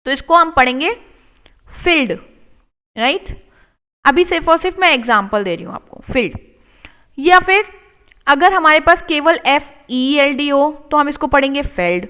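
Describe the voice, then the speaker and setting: An Indian woman teaching English spelling, slowly repeating each word twice and encouraging her students. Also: sits high, expressive, pushed and bright. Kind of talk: spelling and reading lesson.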